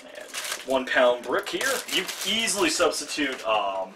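A man's voice: medium pitch, sing-song, unhurried. Jokey young man cooking, distant noisy mic. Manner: chatty, self-mocking, jokey asides. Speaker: cooking stream host. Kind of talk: casual live cooking demo. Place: home kitchen, indoors.

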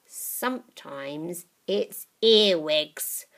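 A woman voicing a creepy, witchlike old grandmother in a storybook reading, with slow, relishing, menacing delivery. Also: lowish voice, animated, fairly bright tone, heavily acted. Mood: gloating, relishing.

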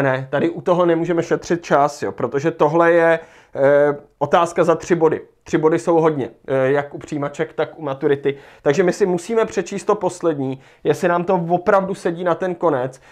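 A man's voice: a little high, a little mellow. A man leading a livestreamed lesson, thinking aloud as he rereads passages and works through an exam task. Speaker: Czech language teacher.

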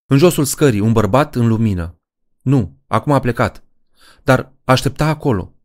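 A man's voice: medium pitch, lively intonation, voice pushed up, lightly acted. A man voicing a frightened young woman talking to herself alone at night, in an audiobook reading. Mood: alarmed.

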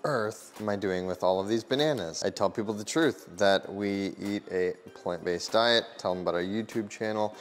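Upbeat man with a raspy morning voice. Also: fairly low pitch, normal speed, few pauses. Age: 30s. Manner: upbeat and energetic. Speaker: vlogger. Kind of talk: casual vlog chat. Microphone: handheld camera mic. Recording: long reverb, faint music behind.

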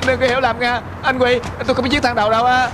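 A man's voice: very high voice, level tone, rapid-fire, noisy background. A man dubbing a terrified male thug who whimpers and begs for mercy. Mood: pleading. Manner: whimpering, pleading.

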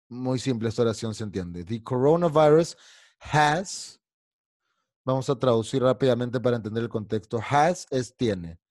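A man teaching an online English class, repeating English phrases slowly and switching to quick Spanish explanations. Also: medium pitch, a little mellow, dry recording, studio quality. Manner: switches between slow drilled English and quick Spanish asides.

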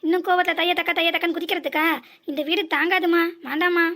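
A woman's voice: very high-pitched, steady tone, fast talker, sharp tone, heavily acted. A woman voicing a teasing middle-aged village father-in-law in a cartoon comedy, mocking in a southern Tamil accent. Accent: southern Tamil, Tirunelveli area.

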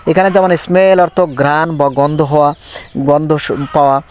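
A man teaching an English textbook lesson, explaining patiently and reading the English lines slowly before he translates them. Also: on the high side, a little mellow, a little hiss or hum.

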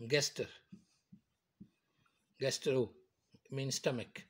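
Man slowly explaining medical terms. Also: mid-range voice, fairly even intonation, husky. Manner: slow, repetitive, explains step by step. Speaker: teacher. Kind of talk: medical terminology lecture.

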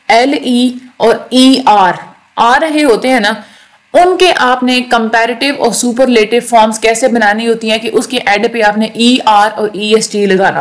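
A woman teaching a recorded lecture, explaining slowly, repeating words and checking in often. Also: a little high. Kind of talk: recorded lecture on English grammar.

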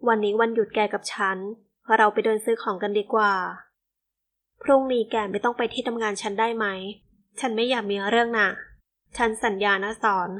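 A woman reading the part of a worried, gentle young woman who pleads with her friend, in an audiobook. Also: on the high side, steady tone, fairly quick, natural voice. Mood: pleading. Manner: pleading, soft.

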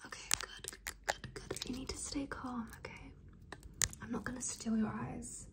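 A young woman in a fast whispered ASMR role-play, playing a businesslike kidnapper from another dimension examining a human captive, close to the microphone. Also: fairly high pitch, fairly even intonation, close to an everyday voice. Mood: calm, clinical. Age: young adult. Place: small bedroom, indoors.

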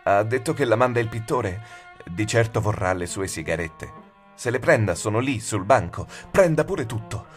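A man voicing a panicking shopkeeper who pleads in a frantic, shrill way in an audiobook. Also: lively intonation, normal speed, soft background music, close to an everyday voice. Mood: pleading. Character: panicking middle-aged male shopkeeper, desperate and pleading. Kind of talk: audiobook character voice.

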